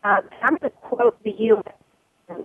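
A woman's voice: a little high, normal speed, breathy edge. A woman calling in as a guest to a radio discussion, her phone audio breaking up and cutting out. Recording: tinny phone line.

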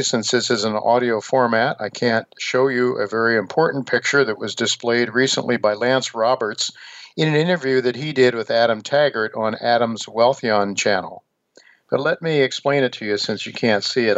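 Radio host, man in his 70s from the US, measured and hesitant explainer, dull lo-fi sound. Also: medium pitch, fairly bright tone, no echo. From United States, Ohio. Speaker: radio show host and newsletter editor. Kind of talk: radio monologue on financial markets.

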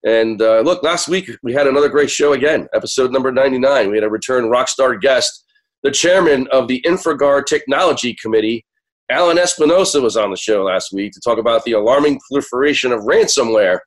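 Hoarse, cracking American male radio host. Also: mid-range voice, a little fast, rough recording. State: sick, hoarse, losing his voice. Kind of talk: conversational radio show monologue.

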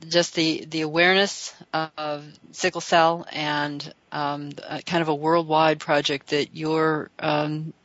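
A woman's voice: on the low side, fairly bright tone, no room sound. Woman hosting, slightly dull dry sound. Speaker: show host. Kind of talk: conversational interview hosting.

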